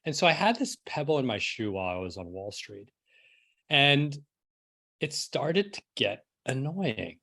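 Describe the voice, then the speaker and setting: This middle-aged New York podcast guest tells his own story very animatedly at a measured pace, his mid-range voice creaky and sharp. He talks casually, frequently using "like" and a rhetorical "right?"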